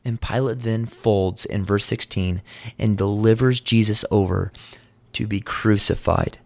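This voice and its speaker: A man's voice: on the low side, steady tone, unhurried, creaky, no room sound. A man preaching a sermon, telling the story earnestly and voicing the quoted lines with rising intensity.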